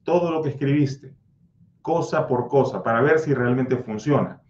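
A man's voice: medium pitch, moderate pace, a little mellow. A man lectures his livestream viewers in a blunt, insistent way, pounding out repeated mantras like a drill. His voice sits in an ordinary middle range. The sound is roomy and slightly muffled. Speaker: anxiety coach and channel host. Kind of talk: livestream answering viewer comments.

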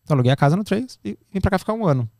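A middle-aged Brazilian man telling stories in a casual podcast chat, animated and acting out quoted dialogue. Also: high-pitched, very fast, no echo, studio quality. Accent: Brazilian Portuguese. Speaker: podcast guest. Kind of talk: casual storytelling.

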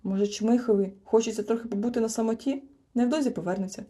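A woman voicing a kind, fussing mother creature who talks gently and soothingly. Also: on the high side, fairly even intonation, fast, pitched above the performer's own voice, natural voice.

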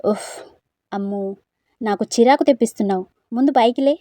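Irritable young man in a storybook, curt and scolding, read by a woman, mellow tone. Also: a little high, fairly quick, dry recording, studio quality, lightly acted. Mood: irritated.

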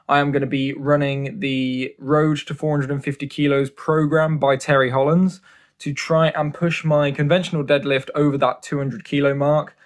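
Young guy filming his bedroom gym on a phone, chatty, rambly, self-deprecating. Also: mid-range voice. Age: 20s. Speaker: strongman vlogger. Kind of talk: casual home gym tour. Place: small university bedroom, indoors. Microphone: handheld camera, phone at arm's length.

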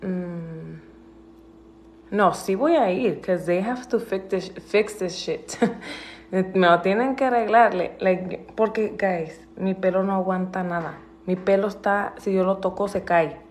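An adult woman with a school-age daughter chats casually on a livestream in a medium-pitched voice, speaking slowly over a little hiss or hum. She switches between Spanish and English, swears freely and sounds indignant.

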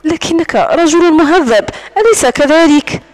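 A proud young woman held against her will who answers back with scorn, as a woman narrator voices her. Her voice sits high in an audiobook reading. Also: lively intonation, a little slow. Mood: defiant. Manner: defiant and scornful.

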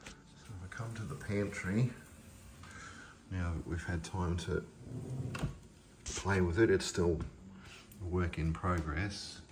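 Slow and low-pitched, with fairly even intonation and long pauses, a man casually rambles through his kitchen and pantry, restarting and using plenty of fillers. The indoor home tour is shot on a handheld phone camera, with background noise.

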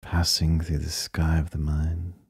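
Calm guy doing guided breathing meditation, soft mellow tone, really dry close sound, lots of pauses. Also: very deep voice, breathy edge, no echo. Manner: calm, soothing, unhurried delivery with short phrases and long pauses.

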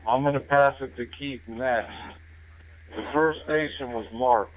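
Male ham operator on a two-way radio intercom, tinny line, relaxed radio chat. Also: medium pitch, a little slow. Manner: relaxed and chatty, ends turns with radio sign-offs. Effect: heard through a two-way radio, like a helmet intercom. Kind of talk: casual radio check-in chat. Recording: tinny narrowband radio transmission.

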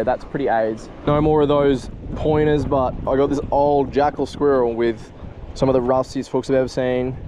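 A young Australian man in his twenties filming himself fishing from a small boat, chatting casually and yelling with excitement when fish bite. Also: medium pitch. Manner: excitable, swears, yells when fish strike. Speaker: fishing vlogger. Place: small boat on the sea outdoors. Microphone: camera mic on boat and head camera. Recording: wind and water noise outdoors.

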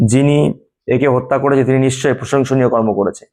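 A man voicing the god Vishnu, a majestic male deity granting boons, in a solemn, measured storytelling read. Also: mid-range voice, steady tone, a little mellow, close to an everyday voice.

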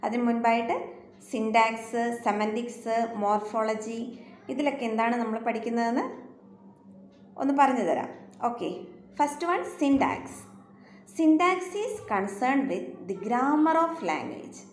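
A woman teacher with a Malayalam accent gives a recorded lecture, switching to slow, careful English for each definition. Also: on the high side. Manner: slow, deliberate reading of English definitions between Malayalam explanation. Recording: echoey room, faint background hiss.

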